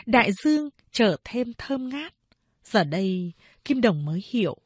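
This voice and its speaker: Slow, husky woman narrating a novel. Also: a little high, no echo. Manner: measured, expressive storytelling. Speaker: audiobook narrator.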